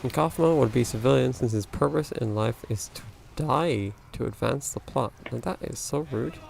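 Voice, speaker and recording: A man's voice: medium pitch, moderate pace, gravelly, a little mellow. A tired, sleepy man chatting casually while streaming a game, with laid-back, mumbling banter. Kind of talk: casual gaming stream chat. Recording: noticeable background noise.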